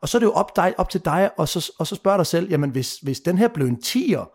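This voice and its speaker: Guy on a podcast, fired up and emphatic, swears a lot, throws in english bits, voice sits a bit high. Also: big pitch swings, husky. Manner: passionate, emphatic, swears freely, mixes in English phrases. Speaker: mentor and guest. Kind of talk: casual podcast conversation.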